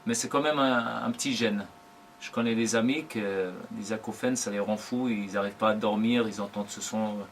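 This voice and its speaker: A man in his forties with a fairly low voice answers interview questions about his life as a drummer. He talks in an unhurried, thoughtful way, pausing between short phrases. A faint hum sits under the recording. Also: fairly even intonation. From Germany.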